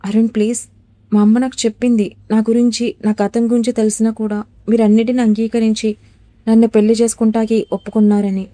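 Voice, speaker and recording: A woman's voice: on the high side, little pitch movement, fairly quick, mellow, dry recording, lightly acted. A woman voicing a frightened young bride who pleads in a trembling voice in a storybook drama. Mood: pleading.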